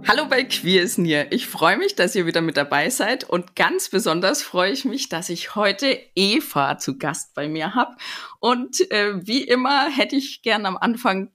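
Woman as podcast host, unhurried and lively in pitch, chatty and telling stories. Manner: chatty, storytelling. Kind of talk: casual podcast interview.

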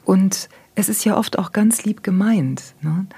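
A woman therapist talking thoughtfully in a soft, often half-whispered, unhurried manner. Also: mid-range voice, husky, no echo. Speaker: therapist guest. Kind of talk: reflective conversation.

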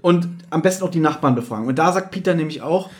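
A man co-hosting a casual podcast chat, retelling an audio drama's scenes in a lively way. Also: on the high side, fast talker. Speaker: podcast co-host.

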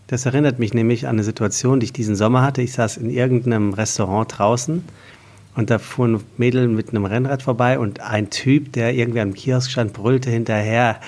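A man talks loosely in a casual podcast, stirring up debate with teasing questions. He hesitates often, with fillers, at an average male pitch. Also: steady tone, brisk, a little mellow. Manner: provocative, hesitant with many fillers.

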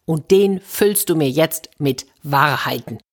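A woman voicing a bossy, blustering old king in a children's story, with a low, husky voice. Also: slow, full character voice. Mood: commanding. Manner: bossy, exclaiming, theatrical.

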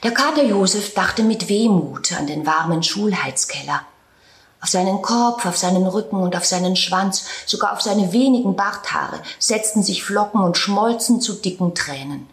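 A woman narrating a storybook tale with a calm, tender reading manner and soft whispered passages. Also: medium pitch, normal speed. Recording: roomy echo.

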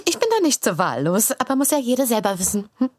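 A woman's voice: a little high, big pitch swings, quick pace, darkish tone, dry recording, studio quality. A woman voicing a vain, scheming noblewoman who talks smugly and keeps correcting others, in a comedic character sketch. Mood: haughty. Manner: haughty, smug, correcting others.

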